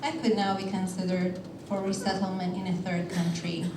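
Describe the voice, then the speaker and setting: A woman from Iran telling a personal story on a theater stage in a measured way, with deliberate pauses. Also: on the low side, little pitch movement, noisy background. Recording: roomy theater sound from a distance.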